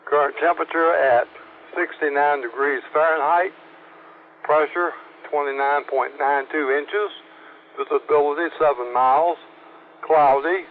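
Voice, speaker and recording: A man checking in on an amateur radio net over a static-filled radio transmission, reading out weather readings in a measured, methodical way. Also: on the high side, phone-quality sound.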